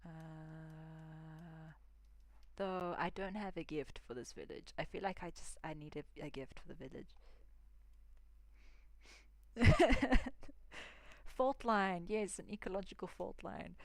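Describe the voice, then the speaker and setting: A woman's voice: fairly low pitch, slow, pauses often, no echo. A young woman chatting casually as she plays a video game, often dropping into whispered asides. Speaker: gaming streamer. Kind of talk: casual gameplay commentary.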